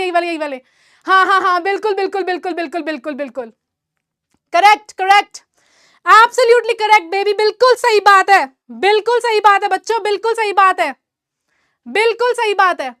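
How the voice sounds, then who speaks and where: A woman's voice: extremely high pitch, a bit bright, no room sound, studio quality. A young woman teaching children in a live online class, fond and teasing, saying things over and over. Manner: affectionate, repeats phrases, teasing.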